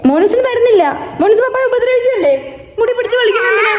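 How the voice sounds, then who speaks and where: A woman's voice: extremely high pitch, expressive, fast. A young woman, a mother teasing her small child in singsong baby talk during playful family chat. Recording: echoey room with long reverb.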